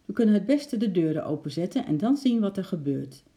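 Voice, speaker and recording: A reader doing a thoughtful, calm father. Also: medium pitch, pitched above the performer's own voice. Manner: measured, soft-spoken. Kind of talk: storybook read-aloud.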